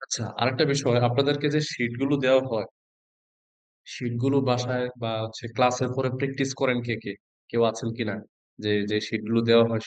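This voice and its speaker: A man's voice: mid-range voice, no room sound. Patient man teaching letters online. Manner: patient, asks students questions and spells out letters. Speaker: Quran reading teacher. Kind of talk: online class instruction.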